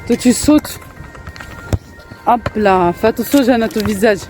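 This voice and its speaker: A woman's voice: on the high side, unhurried, music in the background. Chatty laughing woman vlogging outdoors. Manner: chatty and laughing, often breaks off to talk to her children. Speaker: family vlogger. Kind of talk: casual vlog chat while out with her kids. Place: outdoors in a park. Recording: faint outdoor street noise.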